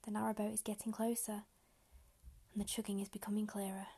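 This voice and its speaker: Woman, meditation guide, whispers throughout, mellow and breathy, close-miked and unhurried. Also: medium pitch, monotone. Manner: slow, soft, unhurried instructions.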